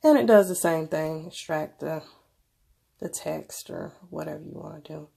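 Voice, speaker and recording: A woman video presenter talks through a casual gadget review. Her voice is on the low side, with a lot of gravelly fry, and she sounds stuffed up with a cold. Her delivery is informal and conversational. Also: normal speed, mellow. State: sick with a cold, stuffy nose. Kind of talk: casual tech review narration.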